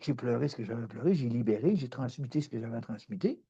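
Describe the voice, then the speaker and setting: A middle-aged man with a Québécois French accent giving a spontaneous spiritual talk, animated and emphatic, often repeating himself. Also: mid-range voice, fast, slightly rough, lo-fi sound. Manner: animated, repetitive, swings between loud emphatic and soft. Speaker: spiritual speaker.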